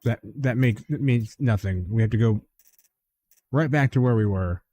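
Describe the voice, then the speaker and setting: Wry, mellow-voiced game streamer. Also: male voice, medium pitch, moderate pace, a little hiss or hum. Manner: wry, thinks aloud. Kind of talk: casual gameplay commentary.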